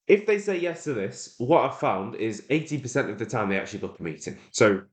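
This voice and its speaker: A man's voice: mid-range voice, animated, brisk, echoey room. A man teaching a course in a loose, casual way, full of "um"s and offhand swearing. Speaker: course instructor. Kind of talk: casual screen-share tutorial.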